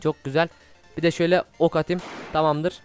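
Young guy yapping fast over his game, kinda high voice, gets worked up a lot, little music in the back. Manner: excitable, frustrated, swears often. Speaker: gaming YouTuber. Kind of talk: Minecraft gameplay commentary.

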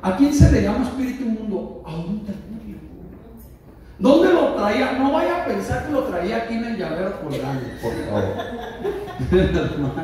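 A man preaching a lively sermon, joking with the congregation and raising his voice to shout. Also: sits high, moderate pace, a little hiss or hum. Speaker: pastor. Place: church hall. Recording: echoey church from far off.

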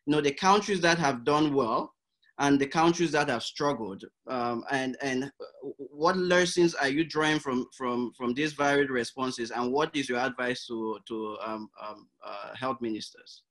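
Halting male interviewer. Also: medium pitch, fairly bright tone. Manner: long, halting questions with many fillers. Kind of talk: interview questions.

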